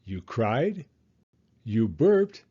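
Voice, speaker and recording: A man voicing a fond, patient mother pig in a storybook, gently explaining. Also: medium pitch, big pitch swings, very slow, husky, muffled recording, full character voice. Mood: fond reminiscing.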